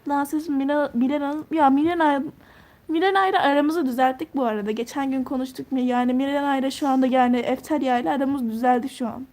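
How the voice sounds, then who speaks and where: Teen girl streamer, high-pitched, casual and chatty, thinks out loud while reading comments. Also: fairly even intonation, fast talker. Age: teens. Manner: chatty, answers viewer comments one by one; thinks out loud while touring a game house. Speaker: live streamer.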